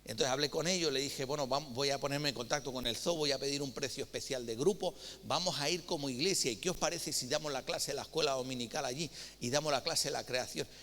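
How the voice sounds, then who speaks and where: A man with a Spain Spanish accent preaching a sermon, telling anecdotes and reading scripture in a lively storytelling manner, with a long reverb of a church hall. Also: mid-range voice, fast talker, few pauses. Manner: lively storytelling, acting out dialogue.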